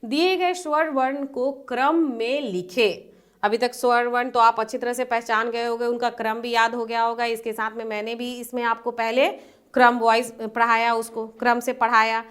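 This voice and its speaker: A woman with a slightly raised pitch teaches a primary-school lesson. She moves through each point step by step, asking questions and answering them herself, and repeats key definitions. Her delivery is patient and steady. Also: moderate pace, clear, resonant tone. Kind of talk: classroom lesson.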